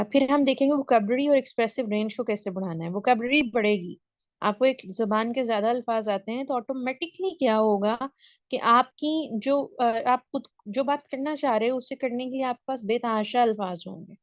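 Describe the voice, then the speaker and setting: A woman's voice: on the high side, normal speed, dry recording, dull audio. A woman with a Pakistani accent giving an online spoken English lecture, often checking in with her students as she explains. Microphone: video call.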